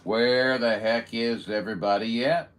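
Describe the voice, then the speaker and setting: A man's voice: mid-range voice, steady tone, a little slow, fairly bright tone. A man hosting a casual livestream, chatting and bantering in a folksy, wry way. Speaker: livestream host. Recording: clearly noisy background. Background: radio chatter.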